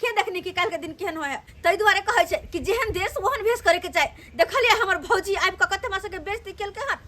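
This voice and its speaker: A woman's voice: very high-pitched, quick pace, sharp tone. A woman with a Maithili accent playing an outspoken village sister-in-law, blunt and preachy and laughing as she talks, in a comedy skit.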